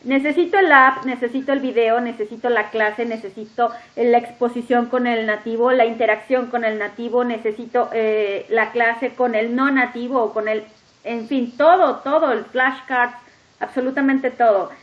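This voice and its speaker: A woman hosts a relaxed interview, her voice sitting a little on the high side. She talks in lively, emphatic bursts, stacking points one after another. The recording sounds dull and lo-fi. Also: normal speed. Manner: talkative, lively, emphatic listing. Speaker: podcast host interviewing a guest. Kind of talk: casual interview chat. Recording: dull lo-fi audio.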